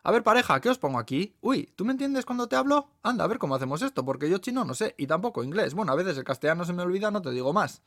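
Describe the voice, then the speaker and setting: A man voicing a loud, chatty waitress in a seaside bar with a Peninsular Spanish accent, talking fast and tagging her sentences with "eh". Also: sits high, big pitch swings, dry recording, clean studio sound, voice pushed up, heavily acted. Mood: apologetic. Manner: loud, fast, self-deprecating, keeps saying eh.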